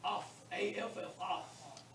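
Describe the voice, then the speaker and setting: This Bible college teacher has a high, animated, fairly bright voice as he drills beginner Greek sounds slowly and repetitively, joking wryly and teasing his students. The classroom lecture was recorded from a distance on a room mic, so it's echoey with a faint hiss or hum.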